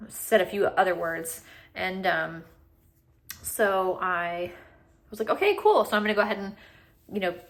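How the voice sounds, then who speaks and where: A woman's voice: on the low side, creaky, fairly bright tone. A woman speaking informally and conversationally, telling the story of her own animal rescue as a vlogger. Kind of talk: casual storytelling to camera.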